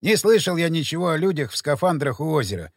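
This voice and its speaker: A man's voice: on the high side, sing-song, fast, vocal fry, dry recording, clean studio sound, full character voice. A male narrator voicing a gloomy male house owner in an audiobook, sullen in manner.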